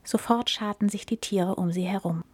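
Woman reading a fairy tale, calm and expressive, dry close sound. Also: mid-range voice, moderate pace, husky, no room sound. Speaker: storyteller. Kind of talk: storybook narration.

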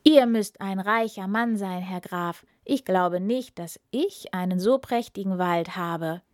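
Woman reading a slow, wondering storybook king, close and dry. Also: medium pitch, a little mellow, dry recording, natural voice. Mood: admiring. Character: astonished, admiring old king.

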